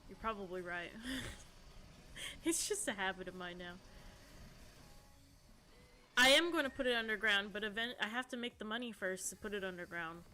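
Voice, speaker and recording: A woman's voice: medium pitch, expressive, normal speed, pauses often, sharp tone, a little hiss or hum. A woman in her thirties chatting casually on a live stream, answering viewers in a rambling, chatty way. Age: 30s. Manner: chatty, rambling, reading chat aloud.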